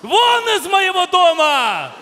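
A man's voice: extremely high pitch, a little slow, bright, forceful tone, slight background noise, heavily acted. An actor playing an exasperated father-in-law, head of the family, grumbling and irritated. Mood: angry. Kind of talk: comedy sketch on stage.

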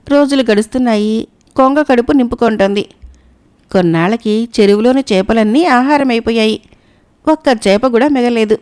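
Clear-voiced woman storyteller. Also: fairly high pitch. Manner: calm, measured storytelling. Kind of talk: scripted narration of a moral folk tale.

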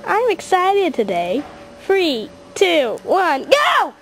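A woman voicing a cheerful little male cup stuntman with a slow, drawn-out, chirpy delivery. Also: very high-pitched, huge pitch swings, a little hiss or hum, voice pushed up, heavily acted. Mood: excited.

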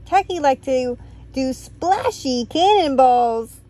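A woman reading a picture book aloud at bedtime, expressive and playful, chatting with a child between pages. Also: sits high. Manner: slow, expressive, playful counting.

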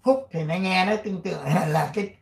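An older man from Vietnam hosting his channel, chatting casually and reading an article aloud, rambling with many fillers and frequent throat clearing. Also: high-pitched, normal speed, roomy sound. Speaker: channel host.

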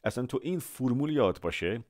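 A man teaching English vocabulary in Persian. He models each English word slowly and repeats it for listeners to say back. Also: mid-range voice, animated, darkish tone, no echo, clean studio sound. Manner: slow, drawn-out model pronunciations of English words; repeats words and asks listeners to say them after him. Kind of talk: Persian-language vocabulary lesson with English examples.

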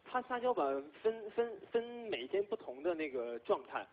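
A lively, high-pitched young man talks on a concert stage, his voice rising and falling as he jokes and laughs. The sound is thin and phone-like, with a faint hiss underneath. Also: normal speed. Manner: animated, laughing, teasing. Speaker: singer guest on stage. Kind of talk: playful stage chat.

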